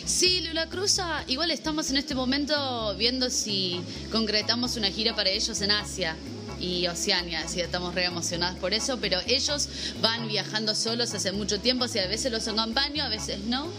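A woman in her twenties from the United States speaks Spanish with a Buenos Aires accent as a guest music manager in a casual interview at a vegan café. Her voice sits on the high side at a normal speed, easygoing and sprinkled with "eh" fillers, with music playing behind her.

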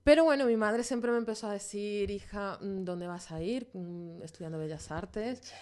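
A Venezuelan woman, a graphic designer appearing as a podcast guest, chats casually and hesitantly with many fillers. Her medium-pitched voice has a darkish tone and moves at a moderate pace in this relaxed interview.

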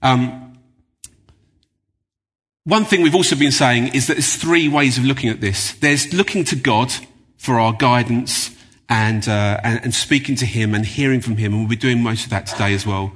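Man, preacher, chatty storyteller, bright voice, long hall reverb. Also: mid-range voice, moderate pace, slightly rough. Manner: chatty storyteller, many fillers. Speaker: guest preacher. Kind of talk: sermon with anecdotes. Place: church.

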